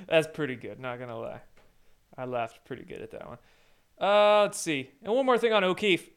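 Man, casual political commentary, wry and chuckling, smooth clear voice, slightly high. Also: moderate pace, fairly bright tone. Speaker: commentary show host.

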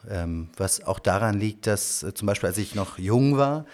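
Low-voiced man answering as a political guest. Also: lively intonation, moderate pace, darkish tone. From Berlin. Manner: storytelling, fluent with frequent filler sounds. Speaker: political candidate, interview guest. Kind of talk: conversational interview answers.

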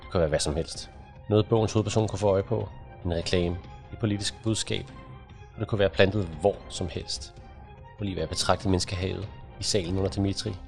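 A man reading an audiobook in a measured, even narration. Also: low-pitched, creaky, faint music behind. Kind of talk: scripted narration.

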